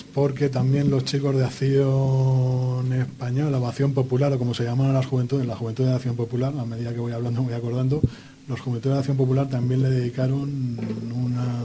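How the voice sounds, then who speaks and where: A man from Spain, a guest historian on a radio panel, speaking in a measured way with many hesitations. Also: medium pitch, noisy background. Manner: measured, hesitant with frequent fillers.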